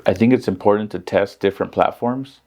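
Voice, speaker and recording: A man hosting a podcast, talking in a relaxed, chatty way with frequent short laughs. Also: lowish voice, fairly quick. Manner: chatty, agreeable, laughs often. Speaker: podcast host. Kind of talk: casual podcast conversation.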